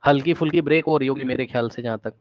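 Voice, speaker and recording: A male teacher giving a live online class lecture, energetic, repeating words rapidly to prod his students and coaxing them with questions. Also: medium pitch, no room sound. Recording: dull, dry online-class audio.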